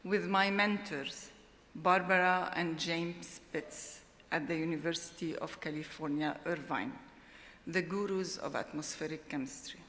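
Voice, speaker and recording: Slow, deliberate woman in reverberant hall. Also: low-pitched, fairly even intonation, a bit bright, a little hiss or hum. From Lebanon. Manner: slow, deliberate, heartfelt delivery. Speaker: award laureate. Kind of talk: formal acceptance speech. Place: large ceremony hall.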